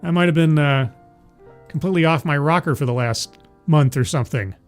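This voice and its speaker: Talking fairly quickly in a voice on the high side, a man in his forties hosts a livestream and chats loosely with viewers and the live chat. He rambles, runs himself down and laughs a lot, with soft music behind him.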